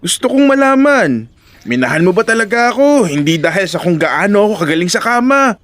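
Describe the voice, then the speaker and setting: An actor playing an insecure young boyfriend in a radio drama, talking in a lively, pleading way. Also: male voice, high voice, fairly quick, no echo.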